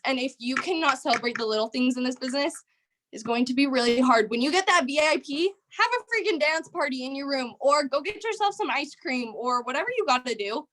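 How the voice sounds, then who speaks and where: A young woman with a slightly high voice leads a team training call in a casual, upbeat pep talk. She rambles and fills her sentences with "like" and "um". Her voice comes through a video call mic. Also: bright, forceful tone. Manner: rambling, chatty, heavy on "like" and "um".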